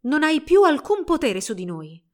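A woman voicing a gentle, forgiving young female spirit in a storybook reading, speaking softly. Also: high-pitched, big pitch swings, brisk, voice pushed up. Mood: firm. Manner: soft, whispering.

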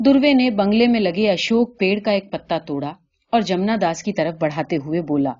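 A woman narrating a literary short story in a calm, measured reading voice. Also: medium pitch, highs cut off.

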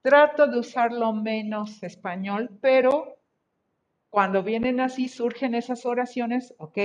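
A woman teaching an online language class, switching between two languages, repeating her students' sentences slowly and encouraging them. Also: mid-range voice, a little mellow. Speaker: English teacher. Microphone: video call.

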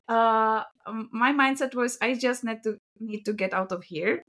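A woman's voice: fairly high pitch, fairly bright tone. A woman with a Czech accent, a non-native English speaker, answering interview questions casually with frequent laughs and hesitant fillers. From Czech Republic. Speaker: podcast guest.

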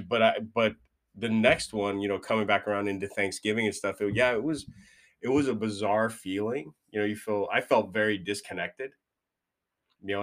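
Man, low voice, casual podcast chat, animated storyteller. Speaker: podcast co-host, former restaurant chef.

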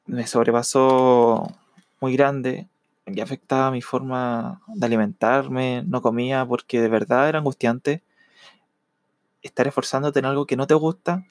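A young man with a Chilean accent, a student telling his own story in a reflective, halting way with many fillers. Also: mid-range voice, fairly even intonation, no echo. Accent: Chilean Spanish. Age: young adult. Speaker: university student. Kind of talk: personal testimony.

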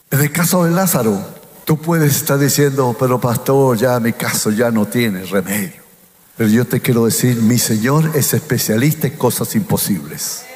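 A man's voice: high voice, a bit bright. A man, a pastor delivering an emphatic sermon and calling out to his congregation. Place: church hall with a congregation. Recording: echoey hall with music behind.

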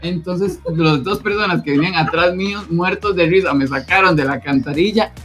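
Costa Rican male co-host, high-ish voice, laughing anecdotes, light music bed. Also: brisk, fairly bright tone. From Costa Rica. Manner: self-mocking storyteller, laughing while talking. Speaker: podcast co-host. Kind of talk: casual chat.

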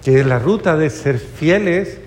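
Man preaching, animated storyteller, fairly high voice, faint hum behind, live audience hall. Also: measured pace. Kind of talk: sermon.

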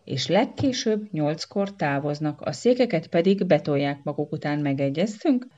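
A woman's voice: low voice, expressive, dark tone, dull audio. A woman doing a wary, reluctant café man. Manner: hesitant and cautious.

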